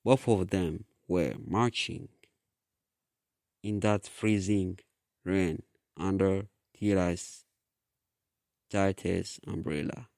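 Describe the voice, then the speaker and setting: A man reading his own story aloud in a slow, halting way with restarts. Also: sits low, steady tone, creaky, a little mellow, no room sound, clean studio sound. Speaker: author reading his book. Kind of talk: storybook narration.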